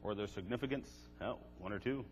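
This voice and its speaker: Lowish and brisk, this older man's voice carries through an echoey hall with faint music playing. He is a creationist seminar speaker lecturing a live audience, sprinkling in sarcastic, wry remarks.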